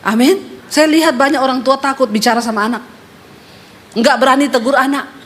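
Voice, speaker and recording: A woman's voice: high-pitched, brisk, a little hiss or hum. A woman pastor preaching a sermon, telling stories vividly and addressing her congregation directly and sternly. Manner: lively storytelling, acting out quoted voices.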